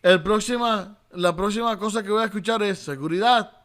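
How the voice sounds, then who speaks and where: High-voiced man preaching earnestly. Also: normal speed, fairly bright tone. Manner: earnest, direct address to the congregation. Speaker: pastor. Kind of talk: sermon. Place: church in East Texas.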